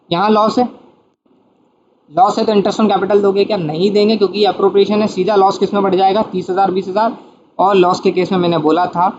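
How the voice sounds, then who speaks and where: A high-voiced man teaches an accounting lesson, asking his own questions and answering them one step at a time. The recording sounds dull and lo-fi, with a faint hiss under it. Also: a little mellow. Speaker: commerce teacher.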